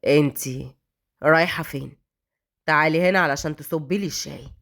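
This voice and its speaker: A woman voicing a stern male police officer with an Egyptian accent, speaking coldly and mockingly in a dropped, lower voice. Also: expressive, quick pace. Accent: Egyptian Arabic. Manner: cold and taunting.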